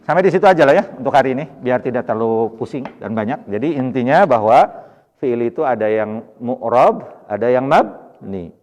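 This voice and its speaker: A man's voice: mid-range voice, a little mellow. A man with a Sundanese accent teaching an Arabic grammar lesson at a mosque study circle, explaining patiently and repeating Arabic words with stress. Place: mosque hall. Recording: dull lo-fi recording with hall reverb.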